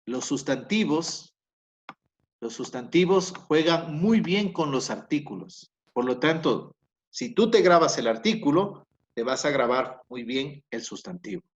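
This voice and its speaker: Slow, patient Spanish-speaking language teacher. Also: male voice, a little high, muffled recording. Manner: explanatory, repeats key points, frequent fillers and self-corrections. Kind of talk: recorded class lecture.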